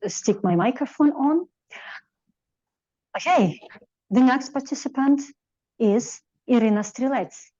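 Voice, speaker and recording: A woman's voice: mid-range voice, dark tone. A woman hosting a contest and announcing the next participant, with roomy, dull sound. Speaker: contest host. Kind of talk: event announcing.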